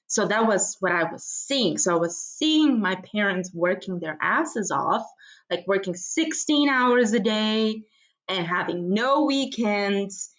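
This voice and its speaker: A young adult woman from Bulgaria, a business mentor telling her story as a podcast guest with animated energy. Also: mid-range voice, rough recording. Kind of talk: podcast interview.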